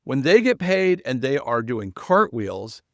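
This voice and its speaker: A man hosting a casual real estate podcast, emphatic and animated, with lively jumps in loudness. His voice sits at a middle pitch. The recording is dry and close-miked. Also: unhurried, vocal fry, no echo.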